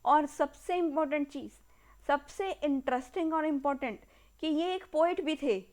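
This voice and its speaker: A woman with an Indian accent giving an exam-prep history lecture, slowly repeating key terms as if dictating and mixing Hindi with English words. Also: sits high. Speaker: history teacher.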